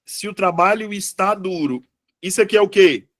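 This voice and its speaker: A man's voice: sits high, moderate pace, a bit bright. A man with a Brazilian Portuguese accent teaching a live exam-prep review class, chatty, checking in with students and correcting himself aloud.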